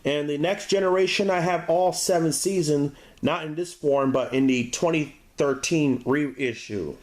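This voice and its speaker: This DVD reviewer and show host has a higher-pitched voice and gives a casual, unscripted video review. He sounds halting and stumbles over words when reading aloud.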